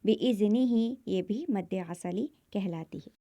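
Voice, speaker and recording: A woman teaching a step-by-step Quran recitation lesson with a Pakistani Urdu accent, slowly drawing out each example word and patiently repeating the rules. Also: mid-range voice, darkish tone, no echo, clean studio sound.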